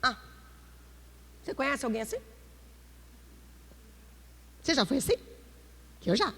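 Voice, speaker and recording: A woman pastor from Brazil preaching a sermon, talking in a confiding way with sudden dramatic jumps in pitch and drawn-out words. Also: sing-song, creaky, pushed and bright, slightly rough. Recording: church hall reverb.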